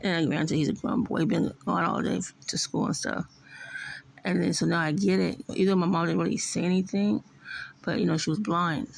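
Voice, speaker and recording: A middle-aged woman talking in a casual, rambling vlog monologue, swearing now and then and filling pauses with "you know.". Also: fairly low pitch, steady tone, vocal fry, rough recording. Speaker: vlogger.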